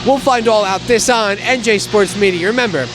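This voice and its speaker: A man's voice: high voice, moderate pace, poor audio. A man giving hockey play-by-play and game previews as a sports commentator. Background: music.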